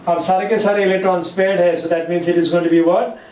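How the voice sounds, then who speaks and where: A man with an Indian accent teaching chemistry, dictating key points slowly and word by word and switching between Hindi and English mid-sentence. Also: high voice, level tone, a little mellow, a little hiss or hum. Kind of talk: classroom lecture. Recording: echoey room, mic at a distance.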